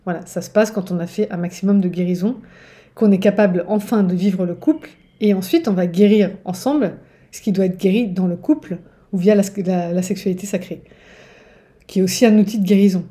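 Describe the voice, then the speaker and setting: A mellow-voiced woman, a spiritual relationship coach, delivers a casual teaching monologue at a fairly quick pace and medium pitch. She's chatty and digressive, restarting often and repeatedly asking "ok?"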